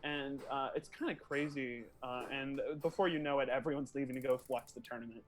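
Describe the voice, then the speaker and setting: A man's voice: mid-range voice, fairly even intonation, fairly quick. A man running a tabletop game as game master, narrating loosely with many fillers.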